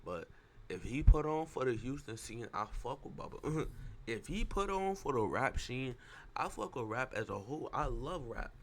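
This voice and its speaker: A man's voice: medium pitch, sing-song, normal speed, a little hiss or hum. A young man reacting casually on stream, stuttering and repeating himself with heavy slang.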